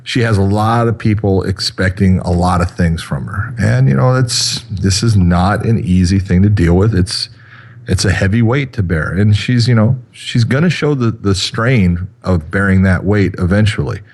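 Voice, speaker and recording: Rambling low-voiced man in his fifties. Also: normal speed, a little mellow. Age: 50s. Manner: rambling, many fillers. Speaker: podcast co-host. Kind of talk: casual chat.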